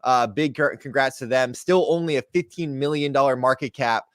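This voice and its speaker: A man co-hosting a crypto gaming show, talking through market news casually in hyped crypto-bro slang with shout-outs. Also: mid-range voice, fairly quick, no echo, studio quality.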